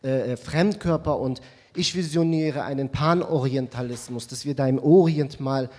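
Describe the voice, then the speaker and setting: A man from Iran speaks up in a public discussion, earnest and searching for words, with frequent fillers. His voice sits at an ordinary pitch. It rings out with a long reverb in a large hall. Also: moderate pace, darkish tone. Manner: hesitant, many fillers, earnest. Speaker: audience member.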